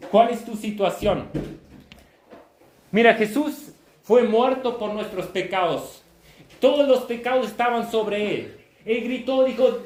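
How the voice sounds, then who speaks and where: A man preaching a sermon, emphatic and half shouting, often checking in with listeners. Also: sits high. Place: church hall. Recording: echoey church room.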